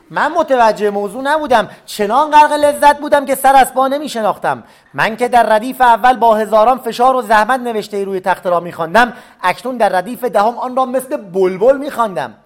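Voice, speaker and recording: A man reading a memoir story aloud, pausing to explain old words in plain everyday speech. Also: sits high.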